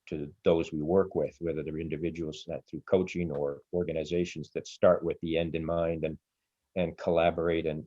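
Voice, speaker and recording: A man's voice: deep voice, warm tone, no echo, muffled recording. A man hosting an online group call, thinking aloud in a rambling way with many restarts, heard over video-call audio. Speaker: webinar host.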